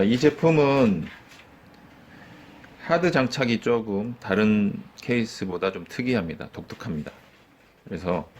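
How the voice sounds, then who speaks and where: A man's voice: fairly low pitch, a little hiss or hum. A man who runs a computer shop, casually walking through a PC case build with plain, informal talk and fillers. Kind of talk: casual hands-on product walkthrough.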